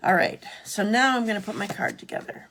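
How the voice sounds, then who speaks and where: A woman's voice: medium pitch, a little fast, fairly bright tone, slight background noise. A woman hosting a casual live craft demo, chatty, correcting herself and answering viewer comments as she works.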